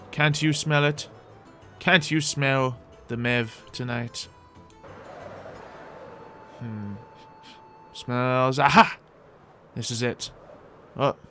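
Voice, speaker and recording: Hosting a roleplay gaming video, the man gives in-character commentary that's playful and dramatic, speaking to viewers and to himself. He has a medium-pitched, fairly bright voice, with music in the background.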